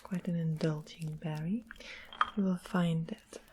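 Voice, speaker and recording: In a whispered ASMR fantasy roleplay, a woman plays the sweet-smiling, sly witch of the west, a potion-keeper who savors her slow, deliberate explanations close to the mic. Her low-pitched voice keeps a fairly even intonation, calm and sly, over constant background noise.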